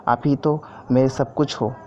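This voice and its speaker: A busy young wife, fond but worn out, coaxing and pleading in a mellow, dark-toned voice, as a man reads her lines in a spoken story. The sound is dull and lo-fi, with faint noise underneath. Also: mid-range voice, steady tone, a little slow, lightly acted.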